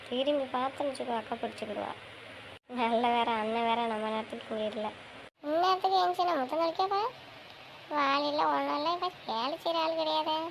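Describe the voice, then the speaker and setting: Brief: woman as an anxious elder sister, very high bright voice, nagging and insistent. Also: slight background noise. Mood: worried muttering. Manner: frets aloud, calls out insistently. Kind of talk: family web-series drama acting.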